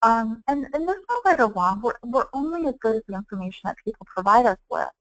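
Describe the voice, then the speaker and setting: A woman's voice: a little high, very animated, fast, no room sound, lo-fi sound. A woman who counsels on Medicare, giving a conversational training presentation and acting out her calls with clients. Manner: conversational, acts out client calls with quoted dialogue.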